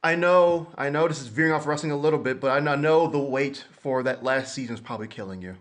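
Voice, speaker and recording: A man hosting a casual podcast interview, joking and answering with quick laughs. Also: mid-range voice. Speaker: podcast host.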